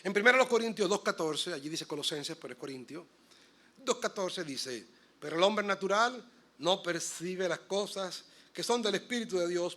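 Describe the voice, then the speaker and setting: Animated man preaching a sermon. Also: a little high. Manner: animated preaching, swings between soft asides and loud emphatic bursts; addresses the congregation directly with questions. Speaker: pastor. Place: church sanctuary.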